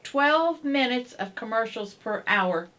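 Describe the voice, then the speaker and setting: A woman's voice: on the high side, expressive, takes it slowly, a bit bright. A woman co-hosting a casual radio talk show, eagerly sharing trivia facts and asking her partners to share her delight. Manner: shares trivia eagerly, asks "isn't that interesting?".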